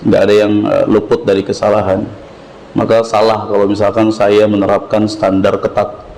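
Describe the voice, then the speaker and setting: A man's voice: lowish voice, monotone, normal speed, vocal fry, darkish tone. A man with an Indonesian accent teaching Quran recitation, patiently repeating syllables and chanting examples. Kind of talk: slow tajwid lesson with modeled recitation. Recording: roomy hall with long reverb, faint ambience.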